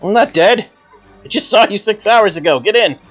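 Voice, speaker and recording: A man's voice: high voice, animated, normal speed, fairly bright tone, highs cut off, soft background music, pitched above the performer's own voice. A man voicing an urgent, foul-mouthed male driver in a tabletop game. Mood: insistent.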